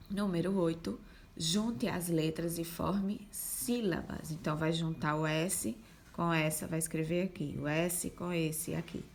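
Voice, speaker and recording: Woman, primary school teacher, slow and patient, sounds out syllables, lowish voice. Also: a little hiss or hum. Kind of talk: slow step-by-step lesson for young children.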